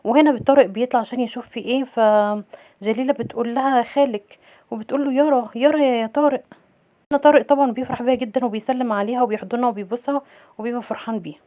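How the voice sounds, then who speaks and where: A woman with an Egyptian accent casually recapping a drama episode, retelling each scene and quoting the dialogue in an even voice. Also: on the high side, racing. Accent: Egyptian Arabic. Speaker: series recap narrator.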